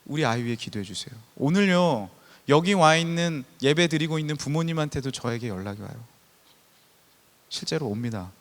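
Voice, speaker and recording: A man in his thirties preaching a sermon, telling stories and swinging from soft passages to loud, emphatic ones. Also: a little high, expressive, normal speed. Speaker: pastor. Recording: long church hall reverb.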